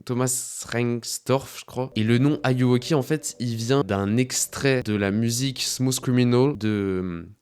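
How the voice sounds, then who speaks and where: A young man with a French accent, hoarse from a cold, telling stories in a casual, self-mocking way with lots of restarts. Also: medium pitch, slow, hardly any pauses, a little mellow. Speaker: YouTuber. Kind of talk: casual storytelling vlog.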